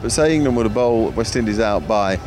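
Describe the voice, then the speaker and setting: A man's voice: on the low side, lively intonation, brisk, darkish tone. A man presenting cricket coverage, discussing and summing up play as a broadcast commentator. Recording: clearly noisy outdoor broadcast.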